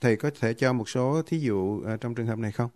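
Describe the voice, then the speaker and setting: A man hosts a language lesson, asking his guest questions in a polite, deferential way. His voice sits at a middle pitch. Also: a little fast, darkish tone. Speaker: host. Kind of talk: interview host asking questions.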